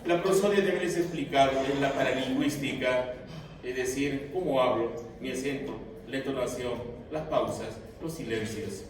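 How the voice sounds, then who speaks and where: A man giving an animated, joking classroom lecture to his students. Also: mid-range voice, normal speed. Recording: echoey room, mic far off, noisy.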